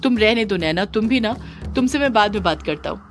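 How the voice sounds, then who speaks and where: A woman's voice: medium pitch, expressive, fairly quick, soft background music, natural voice. A woman voicing an exasperated young man who scolds his girlfriend in a Hindi audio drama. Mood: irritated. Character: young man, irritated boyfriend.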